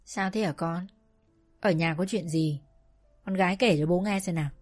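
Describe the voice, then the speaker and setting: Figure: gentle soothing father, voiced by a woman. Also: fairly low pitch, faint music behind, close to an everyday voice. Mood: tender. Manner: soft, slow, soothing.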